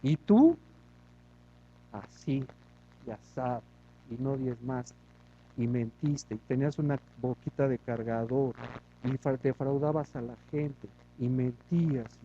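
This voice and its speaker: A stern male heavenly judge, put on by a preacher, speaking low and quiet in a dark, mellow voice. He accuses in a steady, cutting list. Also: slow pace, long pauses, muffled recording, slight background noise, close to an everyday voice. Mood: accusing. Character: stern divine judge reciting sins, male.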